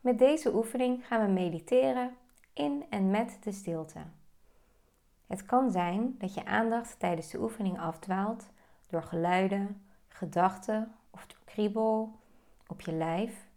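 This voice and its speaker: A woman guiding a meditation, giving slow, calm, soft-spoken instructions. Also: mid-range voice. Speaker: meditation guide. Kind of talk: guided meditation.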